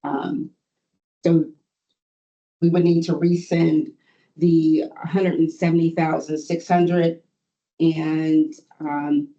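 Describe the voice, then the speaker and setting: A board administrator reads out a formal report in a halting, procedural way. The voice is mid-pitched and very mellow, and the meeting audio sounds muffled. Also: level tone.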